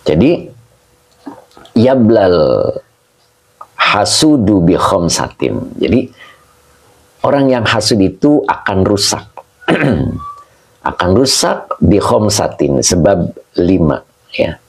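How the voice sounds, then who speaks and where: Male religious teacher, gravelly low voice, slow and patient. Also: big pitch swings, low-quality recording. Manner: slow, explaining Arabic grammar, greeting viewers by name. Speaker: Islamic teacher. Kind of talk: live-streamed kitab study lesson.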